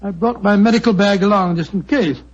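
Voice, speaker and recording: An actor playing a genial, blustery English doctor in 1940s radio style, bumbling and stammering with a British accent. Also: male voice, high voice, a little fast. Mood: kindly, fussing. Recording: muffled, noisy old 1940s radio recording.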